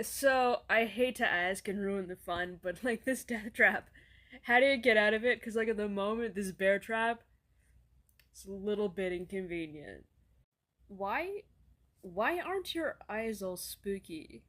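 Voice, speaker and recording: A woman acting out comedy sketches, swearing casually and bantering in a deadpan way. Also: mid-range voice, unhurried. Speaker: sketch comedy creator playing all roles.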